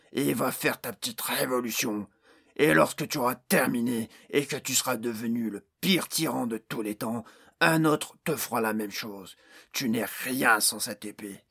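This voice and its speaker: A towering, bad-tempered orc boss barks and snarls his threats in a husky, raised voice, put on by a male audiobook reader. He sounds domineering and sure of his own power. The voice keeps a menacing, storybook-villain tone. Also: lowish voice, a bit bright. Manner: snarling, menacing, bellowing orders.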